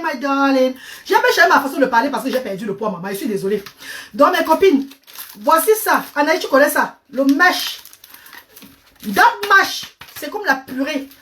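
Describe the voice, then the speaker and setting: A woman hosts a casual live stream giving diet advice, coaxing viewers with endearments and switching between French and English. Her voice sits high with a fairly bright tone, and she sounds a bit far from the mic.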